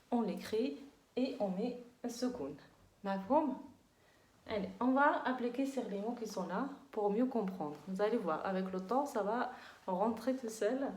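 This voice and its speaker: A woman teaching a language lesson, patiently repeating words slowly and often checking that her students understand. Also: mid-range voice, a little mellow, reverberant. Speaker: Arabic teacher.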